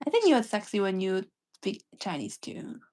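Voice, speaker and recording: With huge swings in pitch around a medium range, a young livestream co-host chats casually with her partner at a normal pace, her voice a little mellow. Her accent combines Cantonese and British English, and she giggles, says "like" a lot and lets sentences trail away.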